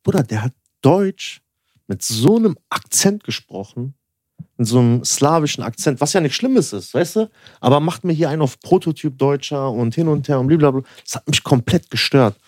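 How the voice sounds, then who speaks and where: A man's voice: on the high side, animated, moderate pace, darkish tone, no echo, studio quality. Rambling young man telling a story. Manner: rambling, lots of filler tags like "so" and "ne"; acts out dialogue in quotes. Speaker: podcast co-host. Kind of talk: casual storytelling chat.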